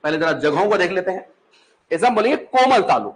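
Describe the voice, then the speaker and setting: A man's voice: high voice, animated, fast talker, low-quality recording. A man with a Pahari-influenced Hindi accent teaching a class in a classroom, patient and chatty, often repeating his questions back to the students and checking that they follow. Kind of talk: classroom lecture.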